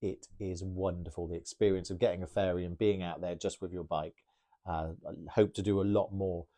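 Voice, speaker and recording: Casting: chatty male bike mechanic, low mellow voice, enthusiastic rambling Q&A. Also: fairly even intonation, brisk. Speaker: bike mechanic answering viewer questions. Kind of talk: casual Q&A talk.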